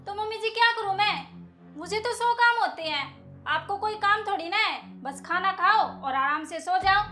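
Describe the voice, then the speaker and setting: A woman's voice: very high voice, animated, normal speed, sharp tone, soft background music, heavily acted. A woman acting a scheming young daughter-in-law in a family drama skit, talking in a curt, dismissive, scolding way. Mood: scornful.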